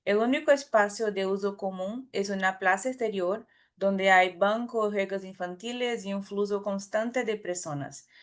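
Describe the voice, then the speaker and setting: A native Portuguese speaker with a Brazilian Portuguese accent, this academic presenter gives a conference talk in a cautious, halting manner, frequently restarting and correcting herself. Her voice is medium in pitch.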